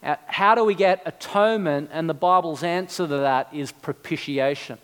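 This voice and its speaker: A man preaching a sermon, earnest and building to fervent, slow emphasis on key words. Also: a little high, a bit bright, clear, resonant tone. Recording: long hall reverb.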